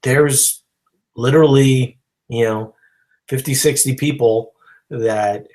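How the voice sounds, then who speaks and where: A man's voice: medium pitch, slow, a little mellow, rough recording. A man, a company founder, making a casual spoken announcement to his followers, rambling with many fillers and restarts. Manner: rambling, full of "you know" and restarts.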